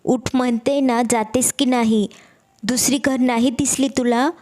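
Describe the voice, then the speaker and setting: A woman's voice: on the high side, fairly even intonation, a little slow, natural voice. A woman voicing an arrogant queen who speaks with contempt. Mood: contemptuous. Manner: shouting, contemptuous.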